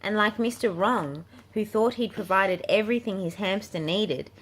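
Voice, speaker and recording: In a noticeably noisy home recording, a woman reads a picture book to children as a storybook narrator. She hosts a channel for children's books and speaks at a normal speed with a medium pitch.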